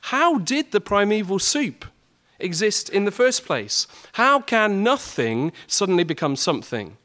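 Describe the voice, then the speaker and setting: Speaking in a high, sing-song voice that is a little slow and fairly bright, a young student presents a prepared talk to his peers. He is earnest and leans on rhetorical questions to build his argument.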